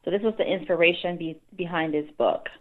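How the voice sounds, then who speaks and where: A woman from Liberia, a guest author, answering interview questions earnestly, often pausing with ums. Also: on the low side, steady tone. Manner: earnest, hesitant with frequent ums. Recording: phone-like line.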